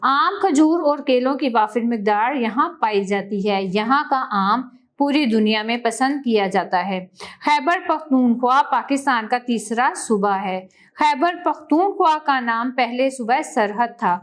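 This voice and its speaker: A woman's voice: fairly high pitch, animated. Woman teacher reading a lesson aloud. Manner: slow, clear classroom reading, stressing each word in lists.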